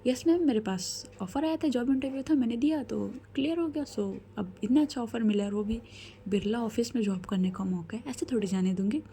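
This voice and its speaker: A woman's voice: a little high, a little fast, mellow, a little hiss or hum, lightly acted. A woman storyteller voicing a blunt, cheerful young woman friend who becomes a new assistant. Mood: cheeky.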